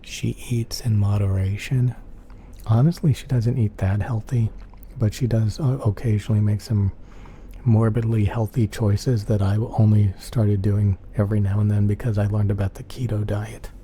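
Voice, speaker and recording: A soft-spoken man rambling casually in an ASMR chat, often repeating himself. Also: fairly low pitch, flat delivery, normal speed. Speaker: ASMR channel host. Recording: clear background noise.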